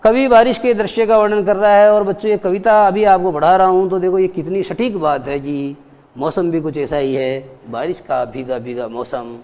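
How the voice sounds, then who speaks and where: A man teaches a class, stopping often to quiz his students and repeat key points. His voice sits high. The recording is muffled and rings with a long reverb. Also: normal speed, a little mellow. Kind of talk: classroom lecture. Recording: dull echoey hall.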